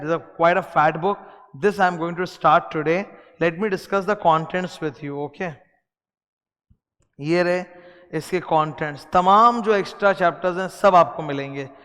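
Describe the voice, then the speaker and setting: An Indian-accented man teaching a law class, talking straight to his students and giving them instructions. His voice sits a little high and sounds smooth and clear. The room leaves a long echo behind every phrase. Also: fairly bright tone. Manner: explains in mixed Hindi and English, addresses students directly. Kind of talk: classroom lecture.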